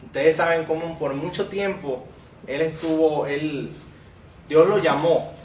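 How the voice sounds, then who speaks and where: A man's voice: fairly high pitch, fairly even intonation, a little slow, darkish tone, reverberant, far from the mic, a little hiss or hum. A man preaching a sermon as pastor, reading scripture aloud with rising emphasis and asking the congregation rhetorical questions. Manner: asks the congregation rhetorical questions and calls them brother.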